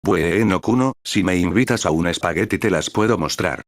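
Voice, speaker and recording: A man's voice: deep voice, normal speed, no echo, studio quality, natural voice. A man reading as Nabiki, a sly bored schoolgirl. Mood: bored, teasing. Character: sly, bored, money-grubbing teenage girl.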